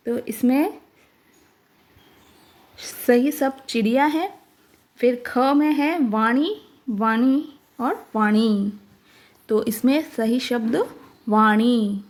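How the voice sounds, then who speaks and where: A woman teacher slowly explaining a workbook, spelling out each word with care. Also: high-pitched, darkish tone.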